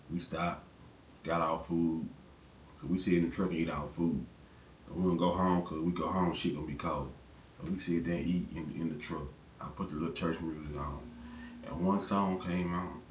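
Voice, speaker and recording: A man giving relationship advice in a casual, rambling monologue, often repeating his words. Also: creaky. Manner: rambling, conversational, repeats phrases. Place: in his truck. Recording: roomy, distant mic, faint rumble.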